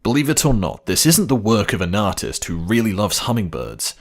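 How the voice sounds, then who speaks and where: Man, scripted countdown narrator, low pitch, highly varied intonation, playful wry delivery. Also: very animated, fairly quick, vocal fry. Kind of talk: scripted list-video narration.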